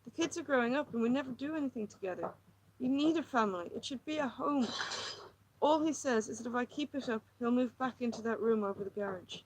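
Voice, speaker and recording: A frantic, wounded housewife pours out her grievances in a high, climbing voice, as a woman reading the story puts her on. She rambles and pleads, pushing harder than the calm narration around her. A troubled figure from an audiobook. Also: quick pace, slight background noise, lightly acted, rough recording. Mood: agitated.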